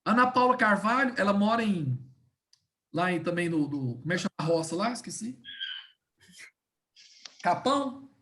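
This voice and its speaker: Woman teaching over a video call, patient step by step explaining, slows right down on the key words, keeps checking everyone's following, middle-pitched voice. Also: expressive, a bit bright. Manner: didactic, checks in often with "tá?" and "né?". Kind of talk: online class lecture.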